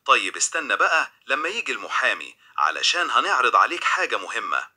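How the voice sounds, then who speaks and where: A man's voice: mid-range voice, big pitch swings, quick pace, sharp tone, breathy edge, exaggerated voice. A man voicing a sarcastic male police officer questioning a suspect in a mocking tone, with an Egyptian accent. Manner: mocking, interrogating.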